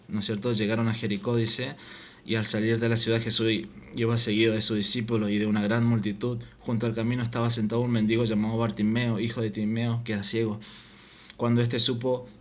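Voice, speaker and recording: A man giving an informal Bible teaching, reading scripture aloud and often halting and repeating words. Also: lowish voice, little pitch movement. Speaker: preacher.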